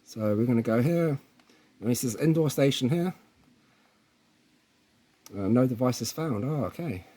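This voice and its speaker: Here the tutorial presenter talks a little slowly but expressively, his mid-range voice dark in tone and slightly rough. He's a man guiding viewers through a casual tech installation, pausing often to check on them.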